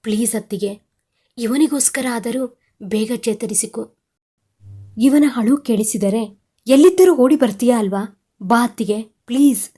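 Grieving young man, read by a woman, pleading through tears, husky voice, storybook. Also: fairly high pitch, a little slow, long pauses, warm tone. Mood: sobbing plea. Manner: sobbing plea.

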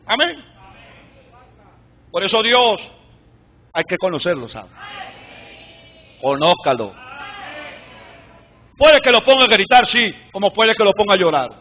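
Fervent high-voiced preacher, shouting. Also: male voice, lo-fi sound. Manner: preaching with loud shouted peaks and sudden drops to a low murmur. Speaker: pastor. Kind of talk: fervent sermon. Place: church sanctuary.

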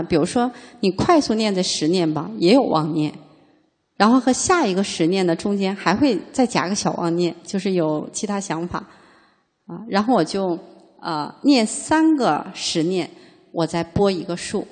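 A woman Buddhist teacher giving a dharma lecture, reading classical lines slowly and then explaining them in chatty plain talk, with frequent fillers and questions to her listeners. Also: fairly low pitch, a little mellow, breathy edge, in a large hall.

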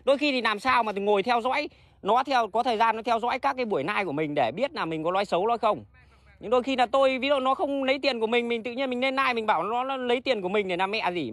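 A man rattles through a casual livestream in a high, bright, sharp voice. He is blunt and swears freely, doubling back and restarting his sentences as he goes. The sound is dry, with no room echo. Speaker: livestream host selling plants.

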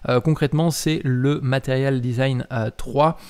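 A man, a mobile app developer, talking casually about a software update, hesitant with many filler sounds and self-corrections as he reads and comments. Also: mid-range voice, steady tone, unhurried, smooth. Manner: reads aloud while commenting. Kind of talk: casual explanatory talk.

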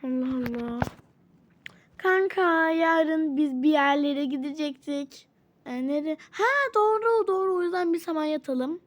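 A woman hosting a channel casually role-plays a doll game, voicing every character herself, switching between them and exclaiming often. Her voice sits high, and she speaks at a measured pace.

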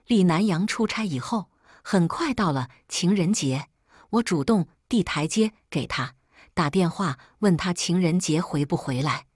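A woman telling a first-person story in calm, steady scripted narration. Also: fairly low pitch, unhurried, slightly rough, dry recording, clean studio sound.

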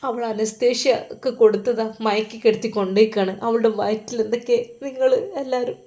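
A woman's voice: fairly high pitch, steady tone, fairly quick, mellow, natural voice. A woman voicing an angry older brother who presses bitter, accusing questions, with a Malappuram Malayalam accent.

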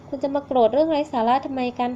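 A woman's voice: high voice, fairly even intonation, rapid-fire, warm tone, a little hiss or hum, close to an everyday voice. A woman voicing a curt, dry-spoken young male bodyguard in a storybook reading, on a slightly muffled recording. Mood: irritated.

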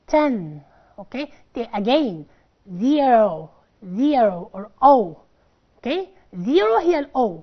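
A woman with an Egyptian accent teaching English on a televised lesson, patiently drilling words by repeating them slowly. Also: high voice. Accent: Egyptian Arabic. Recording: dull lo-fi TV broadcast recording.

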